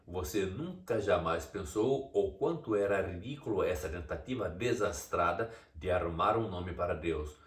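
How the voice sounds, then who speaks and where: A man reading a scripted video essay, explaining step by step and asking mocking rhetorical questions. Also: deep voice. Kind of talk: scripted narration. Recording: echoey room, distant mic.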